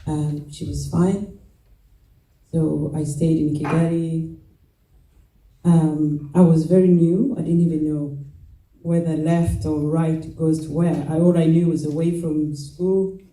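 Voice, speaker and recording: Rwandan woman, dark voice, roomy echo. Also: deep voice. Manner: halting and reflective, with many pauses, fillers and restarts. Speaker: genocide survivor giving a testimony. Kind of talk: personal testimony talk. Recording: roomy echo, mic at a distance.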